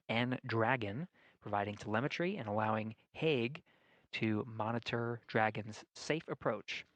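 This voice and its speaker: Male space mission commentator, medium pitch, formal explanatory live delivery, very dry recording. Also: dry recording.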